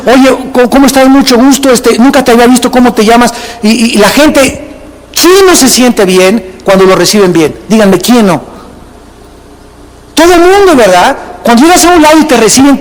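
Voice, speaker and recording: High-voiced male pastor, echoing church. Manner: preaching with emphatic repetition, acting out churchgoers' lines. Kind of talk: sermon. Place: large church. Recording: long hall reverb.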